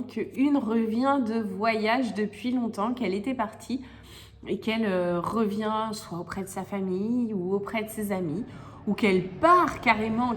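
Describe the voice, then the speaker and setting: A woman with a slightly cracked voice from a head cold, chatting casually and searching for words as she reads tarot cards. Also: a little high. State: has a lingering head cold. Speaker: tarot reader hosting monthly horoscope videos. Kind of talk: casual chatty card-reading commentary. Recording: clearly noisy recording with clicks.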